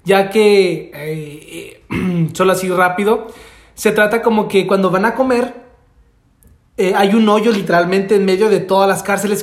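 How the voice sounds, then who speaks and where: A young man with a Mexican Spanish accent in casual conversation, excitable, swearing freely and repeating words as he thinks. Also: high-pitched. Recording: roomy echo.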